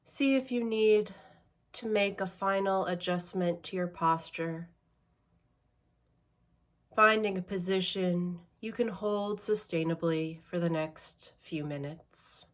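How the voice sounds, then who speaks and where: In a fairly low voice, a woman takes listeners through a guided meditation at a measured pace, letting long pauses fall after each short phrase.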